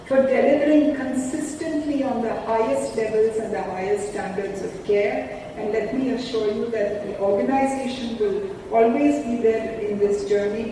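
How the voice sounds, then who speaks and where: A middle-aged woman with an Indian accent giving a formal speech of thanks from a podium. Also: fairly high pitch. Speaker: hospital executive giving an address. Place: podium in an event hall. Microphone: podium gooseneck mics. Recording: echoey reverberant hall, distant, noisy.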